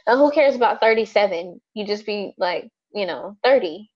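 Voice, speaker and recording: A woman's voice: medium pitch, lively intonation, normal speed, darkish tone, lo-fi sound. A woman in her thirties co-hosting a podcast, chatting casually in a frank, rambling way with plenty of fillers and swearing. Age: 30s. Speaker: podcast co-host. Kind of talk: casual chat.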